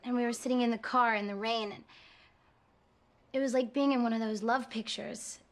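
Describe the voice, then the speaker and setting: An actress playing a pampered, romantic young woman who talks in a soft, earnest, confiding way. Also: on the high side, steady tone, moderate pace, lightly acted. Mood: dreamy. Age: young adult. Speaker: actor in a film scene. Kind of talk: naturalistic film acting.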